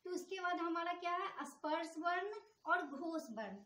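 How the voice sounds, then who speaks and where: A woman's voice: extremely high pitch, normal speed, pushed and bright. A woman teacher explaining grammar step by step, posing questions to her students and answering them herself. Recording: echoey room.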